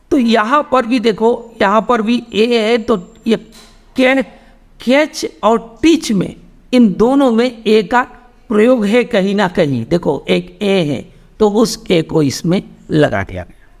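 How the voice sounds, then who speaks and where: A man with an Indian English accent teaching a spoken English class, explaining slowly and repeating words, with lively rises in pitch.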